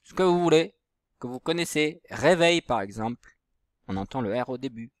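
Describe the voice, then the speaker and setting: Using a computer mic as he writes with his mouse, a male primary teacher with an expressive mid-range voice walks young children at home through handwriting and reading practice. He speaks at normal speed, patiently and in steps, with clean studio sound and no room echo.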